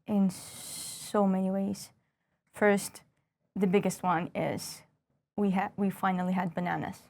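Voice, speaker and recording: A woman's voice: medium pitch, steady tone, a little slow, gravelly, a little mellow. Wry Ukrainian woman comedian. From northwest Ukraine. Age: 30s. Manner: wry, self-mocking, dry jokes. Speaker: stand-up comedian, guest. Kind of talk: casual interview chat.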